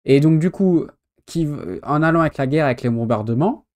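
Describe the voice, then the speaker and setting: Mellow-voiced man musing casually. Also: fairly high pitch, a little fast. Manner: hesitant thinking aloud, many fillers. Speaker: streamer reacting to a video. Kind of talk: casual chat.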